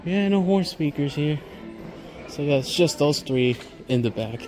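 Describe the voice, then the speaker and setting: A fairly high-pitched, expressive, slightly mellow male voice moves a little slowly through a rambling, spontaneous commentary in a large hardware store. He's an amateur video maker with a hobbyist's enthusiasm, and store music plays behind him.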